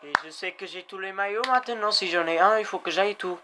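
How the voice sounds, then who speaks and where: Guy yelling at his cycling game, excitable, kinda high voice, noisy background. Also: quick pace. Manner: excitable, swears, cheers his riders on. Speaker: gamer. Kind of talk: let's-play commentary. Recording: background noise.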